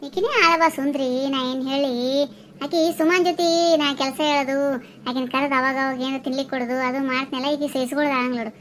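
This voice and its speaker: A grumbling old village housewife, voiced by a woman, rattles off gossip and scolding at a racing clip in a high, thin voice. She has a North Karnataka Kannada accent and a tongue quick to fire back. Faint room ambience hums behind her in this cartoon. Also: fairly even intonation, fairly bright tone, a little hiss or hum. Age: older. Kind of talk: comic cartoon voice acting.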